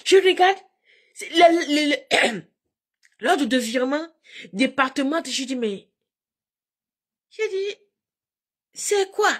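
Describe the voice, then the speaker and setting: A woman chatting casually to her live viewers, telling stories in an animated, repetitive way and addressing them directly. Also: sits high, slow pace, pauses often.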